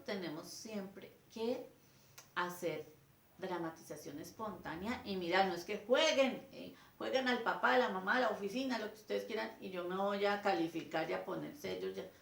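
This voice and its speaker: A woman's voice: mid-range voice, normal speed, gravelly. A woman teacher, giving a lecture and acting out scenes between a teacher and her pupils. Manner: animated, acts out teacher and children in changing voices. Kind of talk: lecture with acted classroom scenes. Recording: echoey room.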